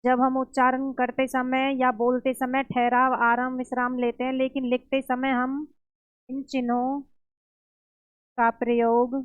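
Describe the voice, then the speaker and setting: A woman teaching an exam-prep grammar lesson in a high voice, working through examples slowly and asking her own questions before answering them. The sound is dry and a little dull, with no room echo. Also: monotone, clean tone, soft background music. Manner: slow, explains step by step, asks and answers her own questions.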